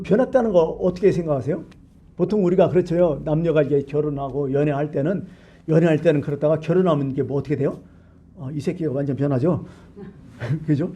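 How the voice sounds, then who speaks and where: A man pastor preaching a colloquial, lively sermon in a church, full of rhetorical questions to the congregation. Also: on the high side, slightly rough, highs cut off. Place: church sanctuary.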